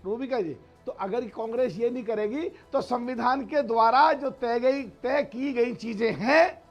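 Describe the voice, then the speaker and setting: A man's voice: extremely high pitch, a little slow, faint music behind. A man arguing insistently as a panelist in a heated TV debate, repeating words for emphasis. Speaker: political panelist.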